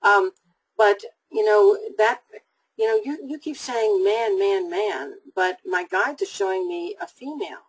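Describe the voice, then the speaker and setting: A woman's voice: medium pitch, expressive, unhurried, breathy edge, poor audio. A woman hosting a live call-in psychic webinar, giving readings to callers in an upbeat, reassuring way.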